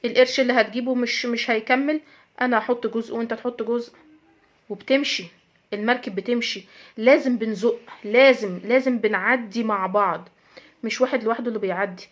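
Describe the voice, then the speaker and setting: A fast-talking woman with an Egyptian accent gives direct advice to women, earnest and emphatic. She drives her points home by repeating them, and her voice sits a little high. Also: fairly even intonation. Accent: Egyptian Arabic. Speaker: host giving advice to women. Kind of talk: direct-address advice talk.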